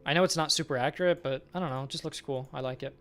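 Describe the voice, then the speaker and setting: A man's voice: fairly high pitch, racing, fairly bright tone, soft background music. A man streaming as a game developer, chatting casually with viewers and thinking aloud while he works. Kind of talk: casual live-stream chat while working.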